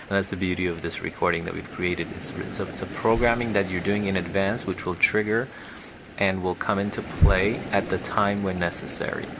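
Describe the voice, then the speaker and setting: A man plays a hypnotherapist on a guided relaxation recording, delivering his lines in a soothing, hypnotic way. His voice is low and steady but fairly quick, and relaxation music with rain plays behind him along with background noise.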